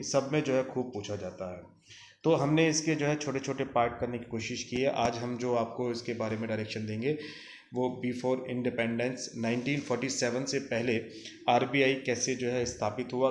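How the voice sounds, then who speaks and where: A man's voice: medium pitch, reverberant, slight background noise. A man teaching a commerce lesson, repeating dates and answering his own questions, mixing English terms into Hindi. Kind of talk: classroom lecture.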